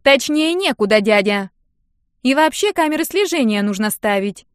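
A woman reading an audiobook voices a brash, sharp-tongued young woman friend who talks loudly and mockingly. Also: high voice, lively intonation, moderate pace, no echo, clean studio sound, pitched above the performer's own voice. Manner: loud, indignant, mocking.

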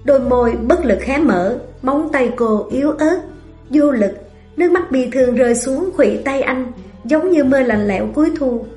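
A woman's voice: high voice, animated, normal speed. Woman narrating in an echoey room. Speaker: audiobook narrator. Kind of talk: scripted narration. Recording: echoey room with soft music.

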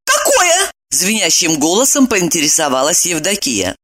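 A woman narrating an audiobook chapter with expressive storytelling. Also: lowish voice, normal speed.

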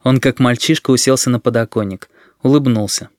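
A man narrating a story in an even, steady storytelling manner. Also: mid-range voice, brisk, no echo, clean studio sound. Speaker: audiobook narrator. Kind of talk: scripted narration.

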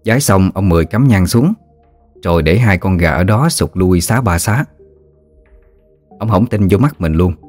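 Southern vietnamese guy telling a ghost story, deep voice, chatty, soft music under it. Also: normal speed, pauses often, dry recording. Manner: lively, colloquial storytelling. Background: faint music.

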